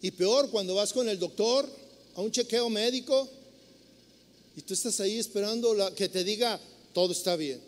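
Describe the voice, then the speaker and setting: A man's voice: high-pitched, moderate pace, long reverb tail. A man with a Mexican accent preaching a sermon, telling everyday stories in a conversational way and acting out the scenes. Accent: Mexican Spanish. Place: church sanctuary.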